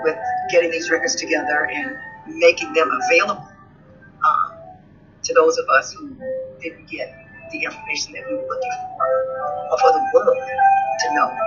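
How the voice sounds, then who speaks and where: A woman's voice: low-pitched, pushed and bright, breathy edge. A woman, telling her family story with heartfelt conviction in a played clip. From Atlanta, Georgia. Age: 70s. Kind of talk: earnest personal storytelling. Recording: dull lo-fi clip with faint music behind.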